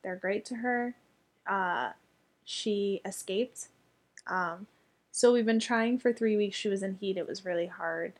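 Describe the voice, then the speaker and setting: A woman's voice: mid-range voice, measured pace. A young woman telling a story in casual chat, chatty and full of fillers, with casual swearing.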